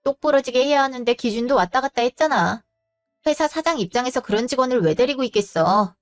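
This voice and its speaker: Woman playing scornful young woman, sharp, high voice, story drama, light music. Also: expressive, quick pace. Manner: scolding, cutting. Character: cold, sharp young woman boss's daughter.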